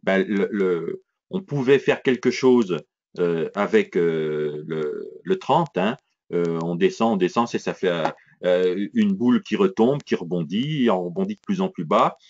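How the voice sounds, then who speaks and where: A man teaching live as a trading instructor, talking fast and punchy, full of little fillers. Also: low-pitched, lively intonation, a little mellow, muffled recording. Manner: quick, punchy, many hein and voilà fillers. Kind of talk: live educational screen walkthrough.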